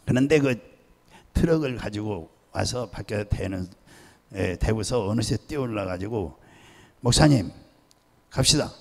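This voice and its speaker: A man's voice: fairly low pitch, normal speed, in a large hall. An older man, a pastor emeritus, preaching a sermon and telling stories, acting out the voices of people in them. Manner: storytelling, acting out pleading and shouting voices. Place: church sanctuary.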